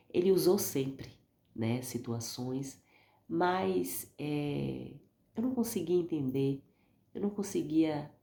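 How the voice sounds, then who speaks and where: A Brazilian woman speaks in a dark, mellow voice, thick with a swollen, inflamed throat from flu. She gives informal spiritual encouragement, earnest and fond of emphatic repetition. The sound is strongly echoey and roomy. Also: rumbling low. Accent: Brazilian Portuguese. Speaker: vlogger giving spiritual encouragement.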